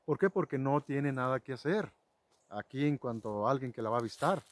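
A man's voice: mid-range voice, lively intonation, fairly quick, noisy background. A man telling rambling, folksy ranch stories to his viewers, with many restarts and asides. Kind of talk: casual storytelling to camera.

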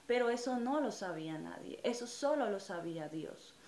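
A Colombian woman in her thirties speaks her religious testimony straight to camera, earnest and reflective, pausing often on hesitant fillers. She sits close to a phone or camera in a small room that rings with echo, a faint ambient hiss underneath. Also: fairly high pitch, expressive, a little mellow. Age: 30s. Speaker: channel host giving personal testimony. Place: small indoor room in front of a curtain. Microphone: camera or phone at close range.

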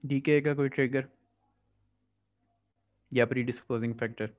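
A man with a Pakistani accent going through medical exam past papers as a tutor. He reads the English questions slowly, then explains quickly in Hindi-Urdu. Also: mid-range voice, fairly even intonation, darkish tone. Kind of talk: past-paper review lecture. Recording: dull lo-fi audio.

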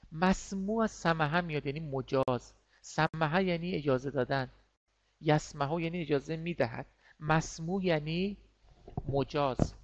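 A man teaching a class, explaining words patiently and repeating them, with many fillers. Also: fairly high pitch. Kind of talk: online class lesson. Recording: dull lo-fi sound.

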